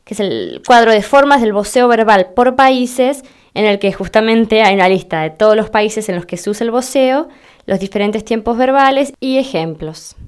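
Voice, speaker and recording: An Argentine woman explains grammar in a calm teaching tone, pausing to spell things out for her listeners. Her voice is smooth and resonant and sits slightly high. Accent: Argentine Spanish. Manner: slow and deliberate, spelling things out. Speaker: Spanish teacher. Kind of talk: explanatory lesson.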